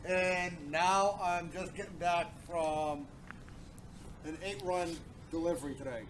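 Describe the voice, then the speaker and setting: A tired delivery driver talking in a laid-back way, with short replies and chuckles. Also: male voice, sits high, steady tone, slow. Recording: loud background noise outdoors.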